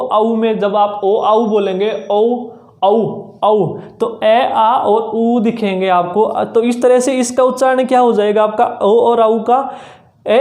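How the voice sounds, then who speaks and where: A teacher giving an exam-prep grammar lesson, drilling slowly and sounding out each letter aloud to demonstrate. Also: mid-range voice, a little mellow. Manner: slow, repetitive drilling with frequent "ठीक है" checks. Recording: roomy echo.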